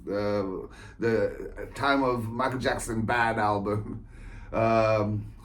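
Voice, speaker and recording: A man's voice: on the low side, steady tone, extremely slow, fairly bright tone. Author, male, 40s; loose, digressive monologue, laughs a lot, repeats phrases. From England. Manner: chatty, digressive, laughs often, repeats himself. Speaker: author and spiritual coach. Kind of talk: rambling personal monologue.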